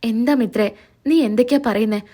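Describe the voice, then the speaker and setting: A woman reading the lines of a gentle older sister who consoles her sibling. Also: fairly high pitch, brisk, voice pushed down, lightly acted. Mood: consoling. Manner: soothing, consoling.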